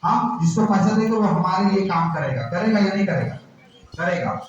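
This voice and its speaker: Man w quizzing the crowd, high voice, mic far off, huge echo. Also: normal speed, lo-fi sound. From Jharkhand, India. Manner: keeps firing rhetorical questions at listeners. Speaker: activist speaker. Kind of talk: public address to a gathering. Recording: very echoey room, distant mic, faint noise.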